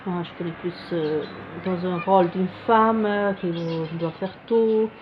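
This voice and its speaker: A woman presents a card deck in an improvised, casual way, speaking very slowly in non-native French with a foreign accent. She often searches for her words. The recording is dull, with a little background noise. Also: fairly low pitch. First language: not French. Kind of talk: casual improvised explanation to viewers. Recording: dull lo-fi sound with faint noise.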